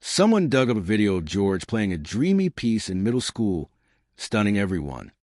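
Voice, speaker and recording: Male storyteller, first-person narration, brisk and wry, low voice, lively pitch, dry close sound. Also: no room sound.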